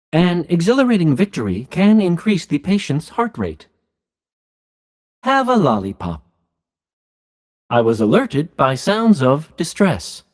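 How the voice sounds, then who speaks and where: An actor voicing a calm male healthcare robot in a video game, speaking in a soft, even robot voice with polite, clinical phrasing. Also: a little high, heavily acted.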